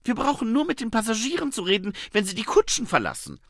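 Man doing a high, eager young woman. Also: very animated, no room sound, studio quality, exaggerated voice. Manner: quick, pushy, high-pitched.

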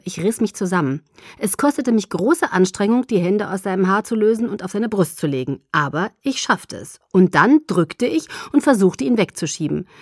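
A woman reads a first-person romance audiobook, voicing its lines with expressive feeling. Her voice sits at an ordinary pitch for a woman, recorded close and dry with no room sound. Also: no echo. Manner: expressive reading with acted dialogue. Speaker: audiobook narrator. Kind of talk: first-person novel narration.

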